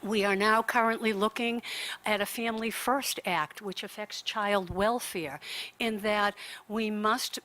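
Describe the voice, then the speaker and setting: On a conference panel in a conference room, a woman gives a sincere, prepared presentation in a steady, sharp, medium-pitched voice. Her delivery is hurried, with frequent restarts.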